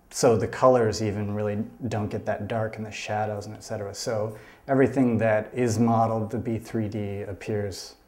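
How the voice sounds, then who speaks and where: Man, comic artist, low voice, flat, earnest, halting. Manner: earnest, halting, with many fillers. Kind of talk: documentary interview.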